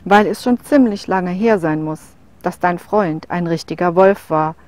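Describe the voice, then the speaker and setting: A woman's voice: fairly low pitch, unhurried, a little mellow, natural voice. A woman voicing a huge young male wolf in a storybook tale, blunt and scornful, talking with a growl. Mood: gruff.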